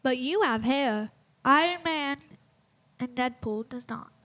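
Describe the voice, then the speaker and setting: A woman playing Harley Quinn, an excitable supervillain bride, in a youth audio play, with faint noise on the recording. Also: high voice, slow. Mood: accusing.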